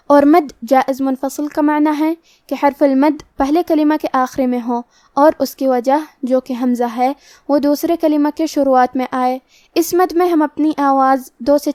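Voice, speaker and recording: Woman, high voice, patient and methodical recitation teacher, dry close recording. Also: darkish tone, no room sound. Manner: careful, methodical explaining of each sound. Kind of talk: step-by-step recitation lesson.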